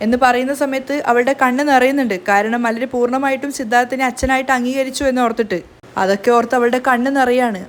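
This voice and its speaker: Woman narrating a serial recap. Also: a little high. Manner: retells scenes and reads each character's lines in her own voice.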